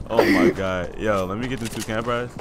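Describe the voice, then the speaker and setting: A man chatting casually while gaming, bantering in slang and getting excitable. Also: on the high side, heavy background noise. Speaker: gamer. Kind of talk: casual chat while playing a shooter game. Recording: gunfire and clicks over game voice chat. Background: loud game gunfire and clicking.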